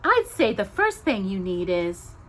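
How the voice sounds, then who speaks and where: A woman's voice: mid-range voice, big pitch swings, unhurried, a bit bright. Woman voicing a singsong, scatterbrained old Fairy Godmother. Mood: musing. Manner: singsong, fussing and coaxing.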